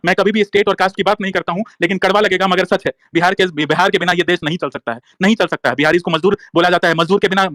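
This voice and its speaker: A man's voice: high voice, fairly bright tone, no room sound. A young man from Bihar delivering an angry, profane, repetitive rant to listeners in a live audio room, defiant and heated. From Bihar, India. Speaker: online activist speaking in a live audio room. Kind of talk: angry ranting monologue.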